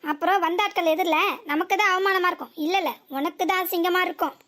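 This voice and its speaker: Woman doing a cheeky cartoon daughter with a southern tamil nadu accent, sarcastic comebacks, super high squeaky voice. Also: fairly even intonation, fast, sharp tone. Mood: mocking. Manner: mocking, sarcastic retorts. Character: sharp-tongued defiant young married daughter. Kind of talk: cartoon comedy dialogue.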